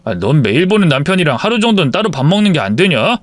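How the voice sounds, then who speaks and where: A man's voice: a little high, sing-song, fast talker, dry recording. A man doing a pushy, teasing young lover.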